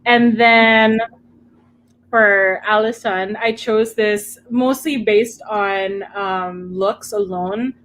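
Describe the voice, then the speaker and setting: A woman chatting casually about books as a club member, in a halting, thinking-aloud manner. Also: mid-range voice, steady tone, a bit bright. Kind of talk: casual book chat.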